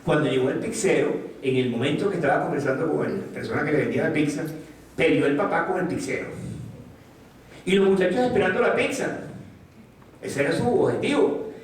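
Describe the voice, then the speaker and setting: A man giving a motivational talk to an audience in an animated way, putting questions to the listeners and acting out quotes. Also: fairly high pitch, fairly quick. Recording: distant mic in an echoey room.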